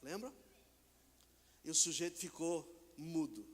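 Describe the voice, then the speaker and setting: High-voiced Brazilian preacher in echoing hall. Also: male voice, measured pace. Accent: Brazilian Portuguese. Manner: animated preaching, acts out dialogue in voices. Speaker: pastor. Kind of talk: sermon. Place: church hall. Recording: long church hall reverb.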